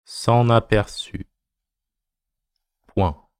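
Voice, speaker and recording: Male teacher dictating: lowish voice, very slow phrase-by-phrase delivery, punctuation read out. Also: steady tone, clear, resonant tone, no room sound, studio quality. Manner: dictating slowly phrase by phrase, punctuation spoken aloud. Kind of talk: dictation reading, repeated short phrases.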